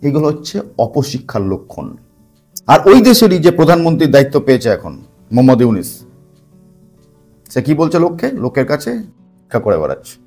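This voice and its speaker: A man's voice: medium pitch, very animated, fast, long pauses, dark tone, faint music behind. A man giving a spoken commentary to camera, emphatic, with rhetorical questions, repeated phrases and English words mixed in. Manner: mixes English words into speech. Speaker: spiritual talk host.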